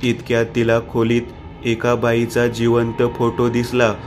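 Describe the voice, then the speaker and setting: A man narrating a horror story in a steady, even reading style. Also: mid-range voice, a little slow, noisy background.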